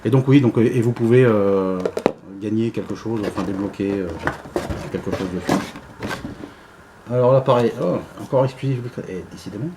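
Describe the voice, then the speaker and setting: A man's voice: fairly low pitch, moderate pace, background noise. A man giving casual unboxing commentary, rambling and hesitant with many fillers. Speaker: unboxing vlogger.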